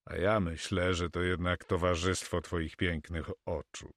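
A man voicing a proud, brooding pirate captain in an audiobook, speaking slowly and solemnly. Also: deep voice, little pitch movement, dry recording, studio quality. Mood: gallant. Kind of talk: audiobook character reading.

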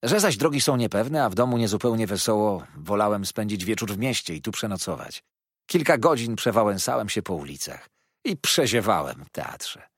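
Husky guy doing a cocky young student, offhand and lofty, a bit higher and louder, dry sound. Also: lively intonation, normal speed, no room sound. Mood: breezy, nonchalant. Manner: offhand and condescending, hearty. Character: breezy, elegant young male student, nonchalant. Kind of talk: audiobook reading.

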